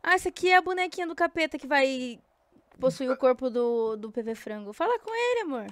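A woman's voice: sits high, expressive, a little fast, no room sound. A woman with a Brazilian accent in a role-play game, making crude, mocking threats in a sweet tone. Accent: Brazilian Portuguese. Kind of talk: in-character role-play chat.

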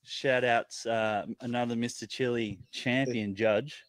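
A man's voice: mid-range voice, fairly even intonation, measured pace, no room sound. A man in his thirties with an Australian accent, chatting casually in a laid-back, blokey way on a livestream. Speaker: chilli challenge livestream guest. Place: indoors at home, on a video call.

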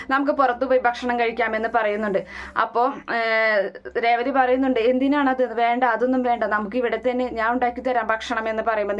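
A woman's voice: a little high, clean tone, highs cut off. A woman casually recapping a TV serial episode in a run-on retelling, quoting the characters' lines as she goes.

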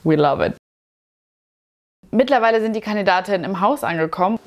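A woman's voice: mid-range voice, expressive, brisk. A woman in her thirties giving a casual, opinionated reaction commentary with sarcastic asides, recorded indoors in a small dim room on a clip-on mic. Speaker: YouTube commentator.

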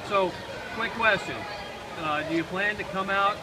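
A man's voice: high voice, unhurried. A man working as a reporter, doing casual interviews on location. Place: out on location at a public pool. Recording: noisy outdoor and indoor crowd.

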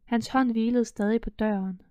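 A young woman narrates a first-person audiobook with a fairly high, mellow voice. Her reading is calm and measured, sinking to a near hush in the tense passages. The recording is dry and close. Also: dry recording.

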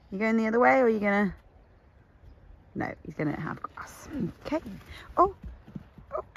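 Slightly hoarse young woman. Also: a little hiss or hum, poor audio. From England. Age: young adult. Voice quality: softer than her usual voice. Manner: chatty, coaxing horse commands, lively pitch. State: voice still slightly hoarse after illness. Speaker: horse owner vlogging. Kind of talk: casual vlog while lunging a horse. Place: outdoor arena with horses.

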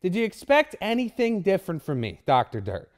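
A man's voice: sits high, huge pitch swings, fairly quick. A man voicing a cocky, trash-talking sponge candidate, smug and slangy, in a comic mock debate. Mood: boastful.

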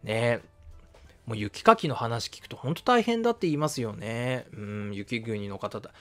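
A man's voice: animated, moderate pace, fairly bright tone. Chatty man reading out viewer comments. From Shizuoka, Japan. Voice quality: fairly high voice for a man. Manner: casual, many fillers, friendly and chatty. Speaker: history channel host. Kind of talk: live-stream chat reading viewer comments.

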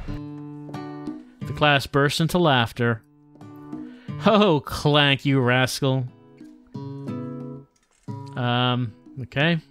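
A man streams a visual novel, reading its text aloud and tossing in casual, dry, tongue-in-cheek asides. His voice is mid-range and a bit bright, with game music playing behind him.

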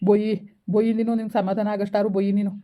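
A woman's voice: medium pitch, little pitch movement, rapid-fire, close to an everyday voice. A woman playing a village husband, back after leaving his wife, who blames himself and talks sorrowfully. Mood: remorseful. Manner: sorrowful, self-blaming, reassuring. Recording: dull lo-fi recording.

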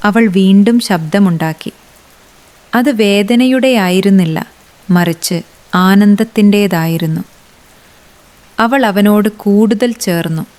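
A woman reading a romance story aloud as scripted narration, with a measured, unhurried delivery. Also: mid-range voice, a little mellow.

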